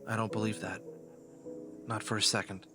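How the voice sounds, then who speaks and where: A man voicing an earnest, gentle fox detective in a hat in an audio drama. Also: on the low side, level tone, normal speed, music in the background, close to an everyday voice. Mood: reassuring. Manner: gentle, reassuring. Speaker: voice actor.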